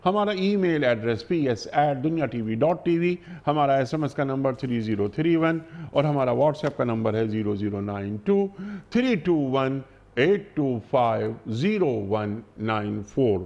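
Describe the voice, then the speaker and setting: A man's voice: mid-range voice, animated, a little mellow. A man from Pakistan hosting a religious TV program in a formal, polite manner, reading out quiz questions and contact numbers. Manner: polite, formal address to guest. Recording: dull lo-fi broadcast audio.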